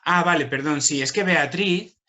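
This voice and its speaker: A man's voice: fairly high pitch, normal speed, bright, forceful tone. A man presenting an online workshop, speaking with passion and strong emphasis.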